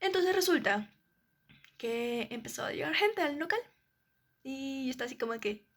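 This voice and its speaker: A young woman with a Mexican accent recounts an anecdote in a casual monologue. Her voice sits somewhat high, and she talks in a chatty, meandering way, leaning on fillers and acting out what others said. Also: lively intonation, normal speed, a bit bright. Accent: Mexican Spanish. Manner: chatty, leans on fillers, acts out quotes. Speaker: student.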